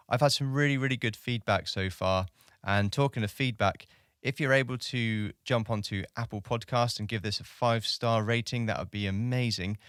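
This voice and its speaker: A man's voice: fairly low pitch, fairly bright tone, clear, resonant tone, no room sound, clean studio sound. Friendly man hosting a podcast. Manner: friendly, chatty with frequent fillers. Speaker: podcast host. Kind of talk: casual podcast chat.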